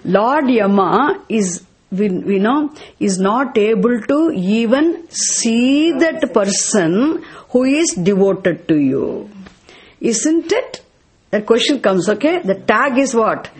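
A woman with a Tamil accent leads a scripture class. Her voice sits fairly high and swings widely in pitch, with a husky edge. She explains emphatically, repeating phrases and adding short tag questions to check understanding. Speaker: teacher of Sanskrit and Vedanta scripture. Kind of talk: teaching class, verse-by-verse explanation.

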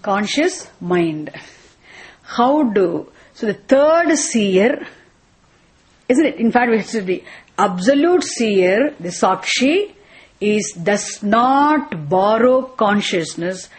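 A woman's voice: medium pitch, animated, takes it slowly. A woman with a Tamil accent teaching a spiritual lecture in a didactic way, often checking with short questions that listeners follow. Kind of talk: Vedanta lecture, explanatory teaching.

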